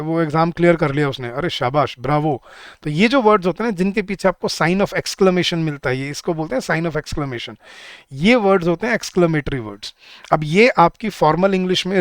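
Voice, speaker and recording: A man's voice: fairly high pitch, clean tone, dry recording, clean studio sound. Man teaching an English class, chatty. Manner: chatty, asks the class questions and answers them himself. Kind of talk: online exam-prep lecture.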